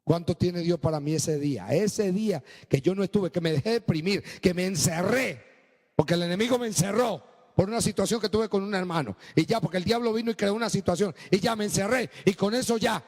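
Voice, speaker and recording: A man preaching a sermon as pastor, swinging between low, slow stretches and high, emphatic bursts. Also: a little mellow, long reverb tail.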